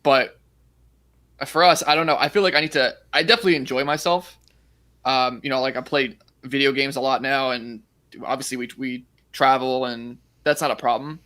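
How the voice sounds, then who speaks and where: A man's voice: mid-range voice, fairly even intonation, moderate pace, bright, forceful tone. A man hosting a casual interview, chatty and loose, full of "like" and "you know". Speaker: host, course creator. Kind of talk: casual conversation.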